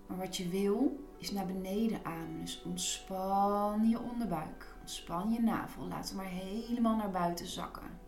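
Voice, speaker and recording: A woman guiding a body relaxation meditation, giving soothing, instructive cues with gentle repetition. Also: mid-range voice, reverberant.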